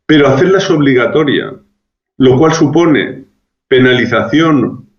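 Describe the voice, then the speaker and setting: A man at a middling pitch speaks as a public health expert in an interview, reasoning step by step with frequent restarts. The sound is roomy and dull, like a lo-fi remote link. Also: lively intonation, measured pace. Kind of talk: explanatory interview answers.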